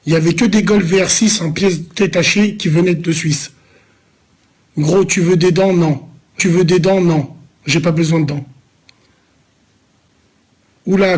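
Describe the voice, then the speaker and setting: A man from Lyon, France, streaming live, answering viewers in a loose, rambling, teasing way full of street slang. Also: a little high. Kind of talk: casual live-stream chat.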